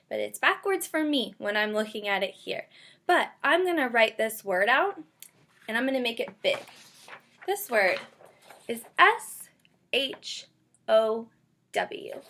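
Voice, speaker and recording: A woman with a somewhat bright, highish voice talks to young kids as their elementary teacher. She guides a read-aloud phonics lesson full of questions and repetition, drawing each word out slowly as she carefully sounds it out.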